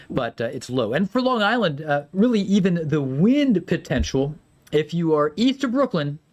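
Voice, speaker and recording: A man, a meteorologist, giving live severe weather commentary in a conversational way with many fillers and lively swings in pitch.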